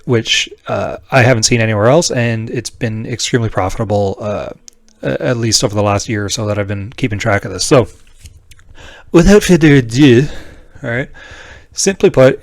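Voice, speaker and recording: A man with a mid-pitched voice talks through a tutorial off the cuff. He is informal and blunt, checking in often with a short "right?" The sound is dry, with no room around it. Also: no room sound. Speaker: trading tutorial presenter. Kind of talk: casual screen-share tutorial, unscripted explanation.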